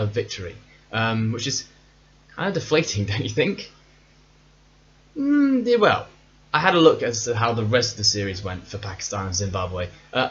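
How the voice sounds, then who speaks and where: A man hosts a casual solo podcast at a middling pitch. His talk is chatty and playful, with self-mocking asides. The audio sounds a little dull and lo-fi. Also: fairly bright tone. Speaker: podcast host.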